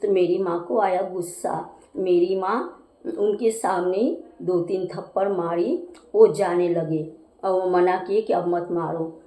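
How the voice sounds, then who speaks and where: A woman's voice: lowish voice, steady tone, slow, dark tone, reverberant, poor audio. A woman vlogger telling a childhood story in a homely, chatty way, stopping to explain local words. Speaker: cooking channel vlogger. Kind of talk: casual personal storytelling.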